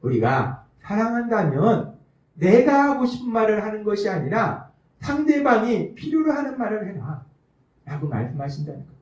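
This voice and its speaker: A man's voice: high voice, very animated, normal speed, a little mellow. A man preaching a sermon as pastor, emphatic and repetitive, stressing key phrases and acting out small everyday dialogues. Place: church sanctuary. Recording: echoey church hall, voice from a distance.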